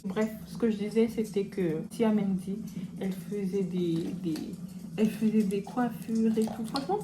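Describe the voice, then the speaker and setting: Young woman, mid-pitch, casual slangy makeup-vlog chat, noisy home recording. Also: normal speed. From French Guiana. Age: young adult. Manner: chatty, relaxed slangy asides. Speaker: beauty vlogger.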